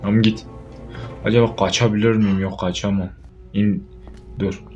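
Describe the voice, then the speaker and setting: A young man giving casual let's play commentary on a horror game, jumpy and swearing, yelling out when startled. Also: lowish voice, little pitch movement, normal speed, music in the background. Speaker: gaming YouTuber.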